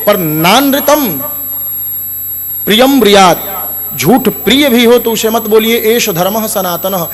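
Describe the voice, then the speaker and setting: High-voiced Hindi katha preacher. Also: male voice. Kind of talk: devotional sermon with scripture recitation.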